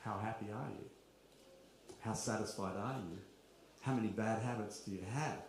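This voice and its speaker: At a kirtan gathering in a large, echoey room, a middle-aged man gives an informal, confessional spiritual talk packed with rhetorical questions and wry asides. His voice is fairly low and moves at normal speed, and the recording is very roomy with faint background noise.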